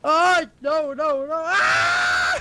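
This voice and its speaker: A man playing a game with friends over voice chat, excitable, often yelling and repeating himself. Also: high voice, very noisy. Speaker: gaming co-player. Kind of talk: casual gaming voice chat.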